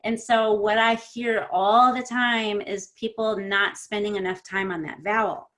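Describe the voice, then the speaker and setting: A woman coaching pronunciation in an online lesson, correcting students and modelling sounds slowly and encouragingly. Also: medium pitch, fairly even intonation, fairly bright tone. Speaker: accent coach.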